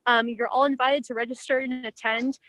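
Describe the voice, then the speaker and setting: A woman's voice: high-pitched, little pitch movement, fairly quick, fairly bright tone, dry recording, low-quality recording. Woman coordinator explaining her work. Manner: friendly, informative. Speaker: nonprofit coordinator. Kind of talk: casual explanation.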